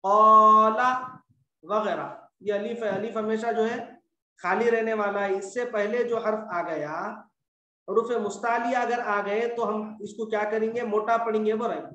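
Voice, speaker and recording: High-voiced man teaching tajweed, echoey room. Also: fairly even intonation, normal speed, distant mic, muffled recording. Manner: patient, repetitive explaining, stretches out example words. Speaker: Quran recitation teacher. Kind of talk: classroom lesson on tajweed rules.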